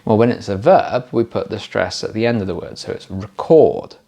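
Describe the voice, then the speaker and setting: A man's voice: fairly low pitch, fairly even intonation, fairly quick, vocal fry, darkish tone. A man teaching exam pronunciation in a patient, explanatory way, showing how stress and intonation work. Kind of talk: explanatory lesson.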